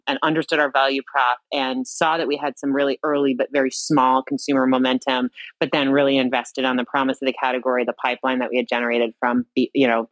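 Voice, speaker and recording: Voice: medium pitch, dry recording, poor audio. A startup founder speaking as a panel guest in a conversational, explanatory way.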